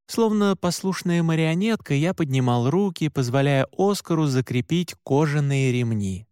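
A man reading a first-person story aloud as an audiobook narrator, in an even, measured way. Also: a little high, clear, resonant tone, dry recording, clean studio sound.

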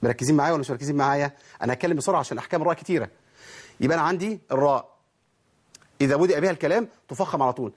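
A man with an Egyptian accent gives a rapid tajweed lesson, constantly quizzing his listeners. His voice is somewhat husky and sits a bit high, and he talks at a very brisk clip. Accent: Egyptian Arabic. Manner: quizzing listeners with rhetorical questions. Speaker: Quran recitation teacher.

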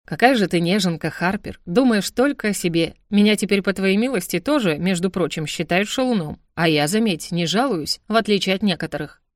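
A phlegmatic male demon from a storybook, calm and commanding, never playful. A woman puts him on with a mid-pitched voice. The sound is dry and close. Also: brisk, few pauses, dry recording, natural voice. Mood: deadpan. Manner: serious, phlegmatic, bossy. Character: cool, deadpan male demon with wings.

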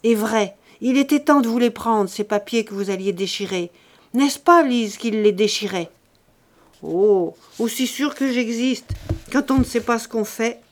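A woman's voice: a little high, a little slow, a little mellow. A woman reading aloud and voicing a sly, mocking grown peasant son who sneers and taunts. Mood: shouting.

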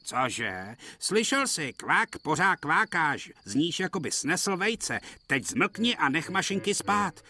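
A man's voice: on the high side, very animated, few pauses, sharp tone, pitched above the performer's own voice, exaggerated voice. A man voicing a big male steam engine who is sleepy and teases the others in a dubbed children's series. He sounds grumbly and mocking. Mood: grumbling. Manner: teasing and grumbly. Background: music.

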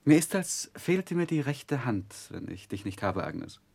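Playing a grown gentleman recalling his younger days, an actor narrates a 1960s German radio play with measured, expressive, literary delivery. His medium-pitched voice is gravelly and husky, exaggerated in a fond mood, and the recording has no echo.

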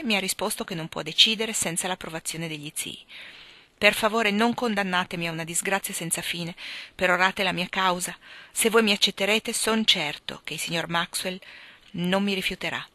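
A woman voicing an ardent, insistent young gentleman courting a lady, passionate and pleading. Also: medium pitch, dry recording, lightly acted.

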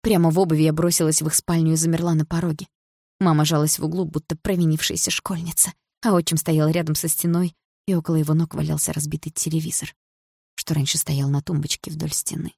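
A woman narrating a novel in first person, steady and quietly emotional. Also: sits low, fast, vocal fry, husky, dry recording, clean studio sound. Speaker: audiobook narrator.

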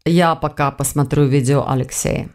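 A calm, thoughtful male investigator who speaks slowly and evenly in an audiobook scene, as a woman reads him. The voice is pushed lower and held back, measured and unhurried. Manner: slow, lowered, measured delivery.

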